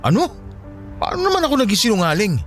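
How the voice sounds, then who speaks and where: A man's voice: high-pitched, huge pitch swings, quick pace, a bit bright, soft background music, full character voice. A man acting in a radio drama as a young man who pleads and keeps asking questions, then apologizes. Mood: pleading.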